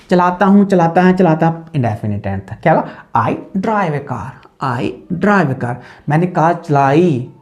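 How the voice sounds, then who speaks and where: A teacher at a classroom board, a man whose explanations come briskly and are dotted with quick check-ins. He slows right down when he drills each example sentence and repeats it for the class. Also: high-pitched, darkish tone. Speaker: English teacher. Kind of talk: spoken-English lesson.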